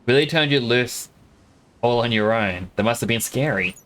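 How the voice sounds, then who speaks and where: An Australian man whose accent carries some American influence streams a game, chatting casually and explaining things at length. His medium-pitched voice is expressive and fairly bright, moving at a moderate pace, with slight background noise.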